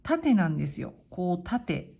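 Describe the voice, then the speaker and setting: A woman teaching hiragana, calmly reading the kana one by one and explaining how to write them. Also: on the low side, unhurried, creaky, husky. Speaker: Japanese teacher.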